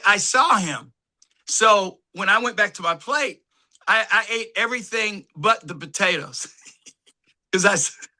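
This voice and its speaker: Bright, high-voiced man telling stories. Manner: animated anecdotes, acts out quotes, laughs often. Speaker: actor guest. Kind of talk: casual storytelling.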